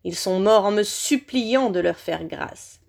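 A woman voicing a menacing male dark wizard in a high, shrill voice, speaking slowly and coldly, in an audiobook reading. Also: gravelly. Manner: slow, hissing and cold, then screeching. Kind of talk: audiobook character voice.

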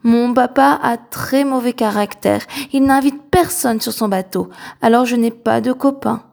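An eager young cabin boy from a storybook, as a woman reads him out. The voice sits high and lifts with hope, friendly and quick to warm up. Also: creaky, slightly rough, heavily acted.

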